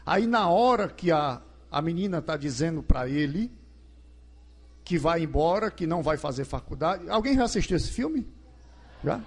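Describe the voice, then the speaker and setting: Lively, high-voiced Brazilian preacher. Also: male voice, normal speed, slightly rough. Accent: Brazilian Portuguese. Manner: asks the crowd questions and acts out scenes. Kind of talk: lively sermon. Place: large gymnasium.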